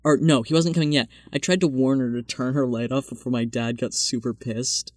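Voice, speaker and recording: A man's voice: mid-range voice, fairly even intonation, brisk, no echo, clean studio sound. A man co-hosting a podcast, telling self-deprecating stories in a rambling, casual way full of fillers. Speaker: podcast co-host.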